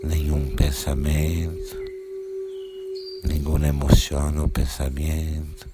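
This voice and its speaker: A man leading a guided meditation in soothing, gentle, repeated instructions, pausing between short phrases. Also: very deep voice, little pitch movement. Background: music with singing bowl tones.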